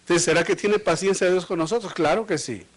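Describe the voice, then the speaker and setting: A man preaching a sermon as pastor. He speaks to the congregation with rhetorical questions and swings between loud emphatic lines and low, quiet ones. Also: brisk. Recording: livestream of a live church service.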